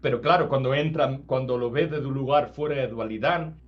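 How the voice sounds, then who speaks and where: A man's voice: mid-range voice, a little fast. A man giving an informal spiritual talk, casual, often checking whether the listener follows. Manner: casual, asks "does it make sense?" often. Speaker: spiritual teacher. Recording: slightly dull sound, faint music.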